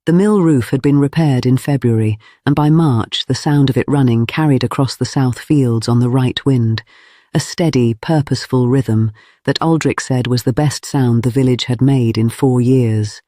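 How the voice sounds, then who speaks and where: Mellow man narrating a period romance. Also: medium pitch, no echo, clean studio sound. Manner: measured, formal period storytelling. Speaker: audiobook narrator. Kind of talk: scripted narration of a Regency romance tale.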